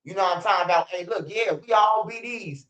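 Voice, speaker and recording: Rambling through street stories on his livestream, a street news host in his 40s uses a slightly high, somewhat bright voice at a brisk clip. He's casual, blunt and foul-mouthed, dropping "bro" and "man" throughout, and the sound is dull and lo-fi.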